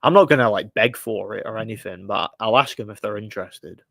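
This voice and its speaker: A British livestream host in his thirties talks boxing on a casual stream, rambling with many fillers and restarts while giving blunt, frustrated opinions. His voice sits on the low side, a bit bright with vocal fry, and he talks briskly with no room sound.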